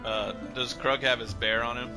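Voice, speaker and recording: A man's voice: mid-range voice, steady tone, moderate pace, music in the background. A man bantering casually as a player at a tabletop game, reactive and joking.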